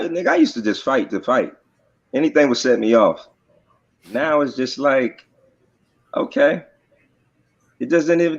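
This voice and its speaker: A man guests on a casual podcast interview as a rapper, speaking in a mid-range voice on a muffled recording. His talk is laid-back and profane, packed with fillers.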